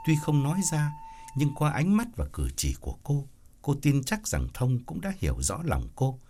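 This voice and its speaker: Expressive male storyteller, very animated. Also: mid-range voice, moderate pace. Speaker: narrator. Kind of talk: audiobook story narration.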